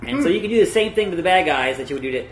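A man's voice: high-pitched, expressive, racing, soft background music. A man in his thirties giving casual, playful gameplay commentary with wry understatement. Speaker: gamer showing a game to his grandfather. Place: furnished living room, indoors. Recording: echoey room, faint background noise.

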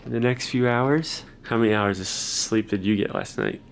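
A man's voice: lowish voice, moderate pace, creaky, slight background noise. A man in his twenties chatting casually as a vlogger, recorded on a handheld camera in a hospital room. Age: 20s. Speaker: vlogger, expectant father. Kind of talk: casual vlog chat. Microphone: handheld camera at arm's length.

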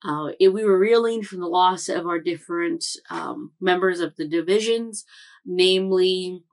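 Here the anime reaction host's voice is fairly low and moves at an ordinary speed. The young woman chats casually from a home room, recapping with many fillers and self-corrections.

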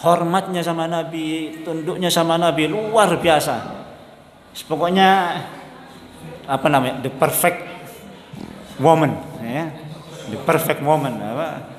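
Male preacher, fairly high voice, roomy hall reverb, chatty repetitive delivery. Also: slow pace, long pauses. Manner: conversational, repeats points, mixes in Javanese words. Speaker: Islamic preacher. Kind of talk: sermon. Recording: echoey hall, faint ambience.

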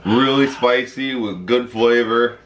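A man's voice: mid-range voice, takes it slowly, noisy background. A man co-hosting a casual food-challenge vlog, drawling his reactions between exclamations. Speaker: co-host; father.

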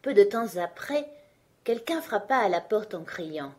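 A woman narrating a fairy tale for a children's audiobook, in an expressive, clear storytelling way. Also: medium pitch, a little slow.

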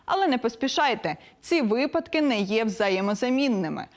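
A young woman presenting a scripted language lesson in a crisp, didactic and lightly playful manner. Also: a little high, very animated, normal speed.

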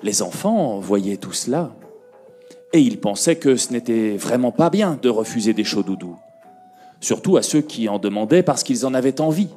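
A man telling a fairy tale to a conference audience, slow and expressive, dropping his voice and lifting it for effect. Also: mid-range voice. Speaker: storyteller. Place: conference room.

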